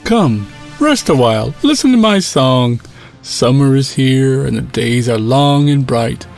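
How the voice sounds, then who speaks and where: Male actor as cartoon grasshopper, carefree and chirpy, lazy teaser, slow drawling pace, very lively intonation, faint music behind. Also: medium pitch, vocal fry. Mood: carefree, teasing. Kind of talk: children's cartoon storybook acting.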